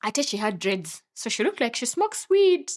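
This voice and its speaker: A young woman with a Ugandan English accent telling a comic story in a dramatic, animated way, full of exclamations. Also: on the high side, moderate pace. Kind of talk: comedic storytelling monologue. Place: film studio.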